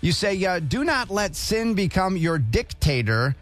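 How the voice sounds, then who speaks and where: A man's voice: high-pitched, big pitch swings, a little slow, a bit bright, no echo, soft background music. A male radio host in chatty, joking conversation, reading passages aloud and breaking in with asides. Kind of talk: casual radio chat.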